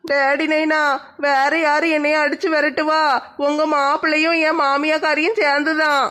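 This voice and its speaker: A woman plays a spoilt young wife who whines to her father about her in-laws, with a Tirunelveli Tamil accent. Her voice is high and stays on one flat whining note. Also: moderate pace. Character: spoilt whiny young married daughter. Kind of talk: comic skit acting.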